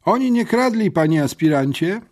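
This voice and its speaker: A man doing a loud, crowing young policeman. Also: high voice, sing-song, normal speed, voice pushed up. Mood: urgent. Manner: loud, eager to vouch. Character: loud, slightly cockerel-voiced male policeman. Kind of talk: audiobook character voice.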